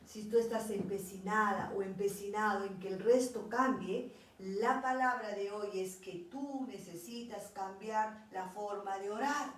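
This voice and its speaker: A woman's voice: medium pitch, unhurried, heavy reverb, recorded from a distance. A woman preaching a sermon, earnest, with repeated pleading phrases.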